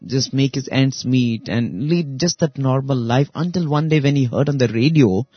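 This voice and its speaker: A man hosting a radio show, giving a reflective spiritual talk in a slow, deliberate way with long pauses. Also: medium pitch, husky, no room sound, muffled recording. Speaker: radio host.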